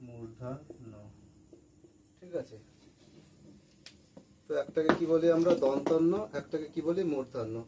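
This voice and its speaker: In a room with a board, a man with a fairly high voice teaches schoolchildren at normal speed, pausing often. He repeats words patiently and asks questions only to answer them himself. Faint noise sits in the background.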